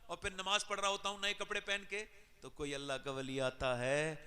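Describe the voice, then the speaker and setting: A man preaching an emotional sermon, his voice swinging sharply from loud cries to low, hushed passages. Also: monotone, smooth. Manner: impassioned, sweeping swings in pitch and loudness. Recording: long reverb of a large hall.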